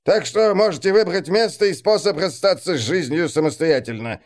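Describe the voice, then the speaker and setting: A man's voice: on the high side, normal speed, pitched above the performer's own voice, close to an everyday voice. A man voicing a dry, sardonic male adjutant who speaks with cool, mock-polite irony. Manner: coolly ironic, mock-polite. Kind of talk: audiobook character reading.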